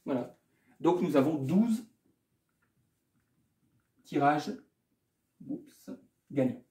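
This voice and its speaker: A man talks through a math exercise as a tutor, repeating words and adding casual asides as he goes. His voice sits a little high for a man but sounds mellow and soft-edged. The room around him rings with echo. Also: lively intonation, very slow. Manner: thinks aloud, repeats himself, casual asides. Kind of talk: explaining a math exam correction.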